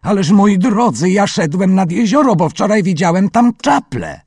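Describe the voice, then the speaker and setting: A man's voice: sits high, lively intonation, normal speed, darkish tone, husky, no room sound, clean studio sound, voice pushed up, exaggerated voice. A man doing a flustered, trembling uncle. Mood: pleading. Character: flustered, timid middle-aged male bird scholar.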